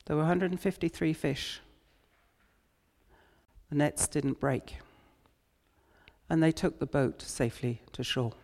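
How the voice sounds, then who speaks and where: A male preacher delivers a sermon in a slow, deliberate cadence, reflecting on scripture as he goes. His voice rings out with a long church reverb. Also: a little high, a little mellow. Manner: unhurried, reflective retelling of scripture.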